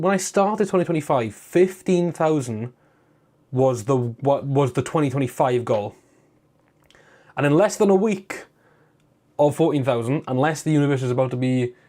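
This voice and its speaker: British male streamer, higher-than-average pitch; informal, rambling chat, worn out, talking through a swollen lip. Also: a little mellow. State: tired and rough-sounding, with a swollen, bruised lip. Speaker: livestream host. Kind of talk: casual livestream chat to viewers.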